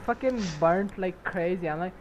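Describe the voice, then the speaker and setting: A man's voice: high voice, normal speed, a crowd in the background. A young man, not a native English speaker, hosting a podcast and telling a crude story full of profanity and laughter. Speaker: podcast host. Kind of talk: casual chat.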